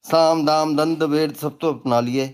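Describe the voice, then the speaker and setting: A man's voice: fairly high pitch, steady tone, a little slow, a little mellow, clear, resonant tone. A man who presents himself as a tantric guru, ranting casually in a crude, mocking, rambling way. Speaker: self-styled tantric guru. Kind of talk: casual live rant.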